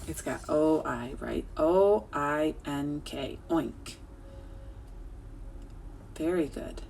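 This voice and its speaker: A woman teaching children an online phonics lesson, sounding out words slowly and clearly. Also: low-pitched, a little mellow, a little hiss or hum.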